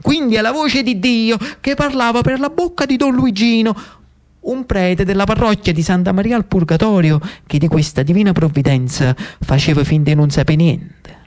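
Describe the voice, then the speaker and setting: Speaking at a moderate pace in a high, slightly mellow voice, a man performs a theatrical narrative monologue in Italian mixed with dialect. He is an actor-storyteller with a Neapolitan accent, dramatic and lyrical, dwelling on brief repeated phrases.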